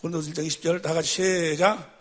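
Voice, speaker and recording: A man preaching at a church seminar, who keeps quizzing the audience and calling for amens, sometimes bursting into shouts. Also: a little high, steady tone, fast talker. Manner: quizzes the audience with constant questions; calls for amens after each point. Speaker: pastor. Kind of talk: seminar sermon teaching.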